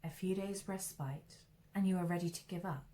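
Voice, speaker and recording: Woman reading a calm, menacing sorceress. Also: lowish voice, moderate pace, a little hiss or hum, close to an everyday voice. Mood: cold. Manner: calm, level, quietly menacing. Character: cold, commanding female sorceress.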